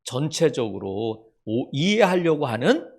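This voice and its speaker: A middle-aged male pastor giving an earnest sermon, dropping low and soft when he tells a quoted line. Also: sing-song, a little slow, vocal fry.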